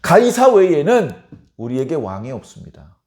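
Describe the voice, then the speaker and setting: Flippant, insolent high priests, put on by a man preaching, tossing off their replies with a cocky lilt. The pitch jumps up and drops away within a phrase, and the voice sits slightly high for a man. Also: sing-song, fast, dark tone, reverberant. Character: defiant high priests, men of the religious elite.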